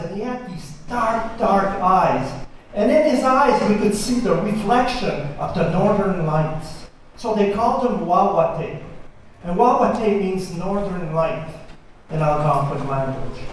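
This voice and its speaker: A man telling a traditional story to a live audience, slow and dramatic with hushed pauses. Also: high voice, slight background noise. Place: large hall with an audience. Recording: echoey hall from far off.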